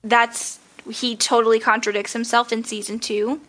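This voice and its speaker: A woman co-hosting a podcast, chatting casually about a TV show with quick asides and frequent laughs. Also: fairly high pitch, level tone, sharp tone. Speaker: podcast co-host.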